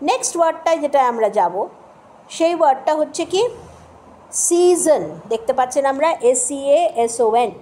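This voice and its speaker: A woman's voice: high voice, lively intonation, moderate pace, mellow. A woman teaching English pronunciation, spelling words out letter by letter, repeating sounds patiently and often checking that listeners follow. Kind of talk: spoken lesson with spelled-out words.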